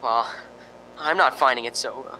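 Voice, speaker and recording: A man with a medium-pitched voice plays a jittery, lonely radio reporter broadcasting from a haunted house in a spooky radio drama. He speaks at a moderate pace in a pushed, bright tone, stammering, rambling and letting out sighing "oh"s in an uneasy mood. The low-quality recording carries slight background noise.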